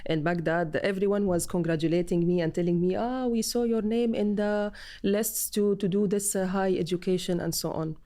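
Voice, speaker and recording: A woman in her thirties from Palestine, chatting as a guest in an interview, often pausing with fillers and restarting phrases. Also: mid-range voice, steady tone, mellow. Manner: hesitant, many fillers and restarts. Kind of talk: casual interview chat.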